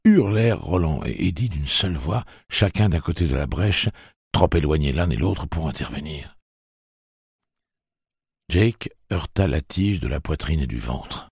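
A man reading a novel aloud as an audiobook narrator, with a gravelly, husky voice and a steady, measured delivery. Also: a bass voice, no room sound, studio quality. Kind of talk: scripted narration.

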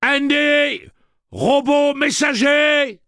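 Reader doing a brash young man yelling through a door, high and strained. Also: measured pace, no echo, clean studio sound. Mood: shouting. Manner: shouting, raised and strained. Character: defiant quick-witted young man.

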